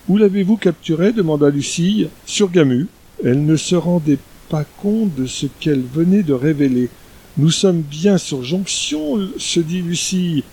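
A man narrating an audiobook in a steady, even storytelling manner. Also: a little high, breathy edge, poor audio. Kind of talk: scripted narration.

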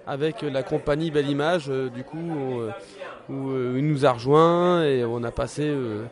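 A man's voice: medium pitch, normal speed, crowd noise. A man who teaches percussion speaks hesitantly in a documentary interview, with many filler sounds.

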